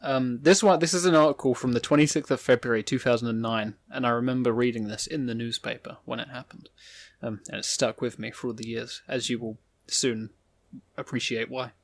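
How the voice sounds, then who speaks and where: A man's voice: mid-range voice, steady tone, brisk. Joking male podcast co-host. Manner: joking, teasing. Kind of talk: casual comedic podcast chat.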